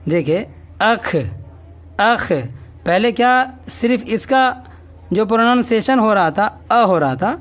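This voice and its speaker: A man teaching a reading lesson, speaking slowly and patiently. He drills each syllable over and over and keeps checking that the learner follows. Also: high-pitched, expressive. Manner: slow, patient drilling, repeating each syllable three times; often asks "ٹھیک ہے؟" to check understanding. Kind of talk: classroom-style reading lesson.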